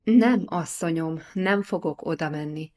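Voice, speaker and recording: A woman's voice: low voice, dark tone, lightly acted. A woman reading an audiobook, voicing a proud, defiant young noblewoman and mother. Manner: defiant, pleading.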